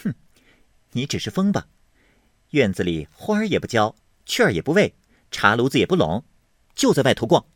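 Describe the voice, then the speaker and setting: A man doing a sharp-tongued scolding maid. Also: medium pitch, huge pitch swings, very fast, hardly any pauses, dry recording, clean studio sound, pitched above the performer's own voice. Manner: scolding, loud.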